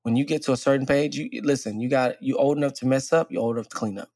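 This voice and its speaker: A man's voice: medium pitch, rapid-fire, darkish tone, dry recording. A man co-hosting a podcast, speaking emphatically in a preachy way and often checking in with "right?". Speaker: podcast co-host. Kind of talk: casual chat.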